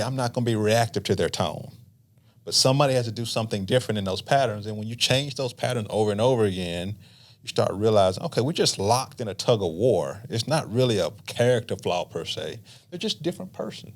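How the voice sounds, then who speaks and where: A middle-aged man, a marriage counselor on a podcast, explaining in a relaxed, talkative way and acting out couples' lines. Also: on the low side, fairly quick. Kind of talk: casual podcast conversation.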